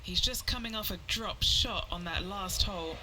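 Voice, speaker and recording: A man's voice: high voice, moderate pace, over music, close to an everyday voice. A man playing an on-course golf commentator in a sports video game, giving short updates on a player. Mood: attentive. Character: male on-course golf reporter following a rival.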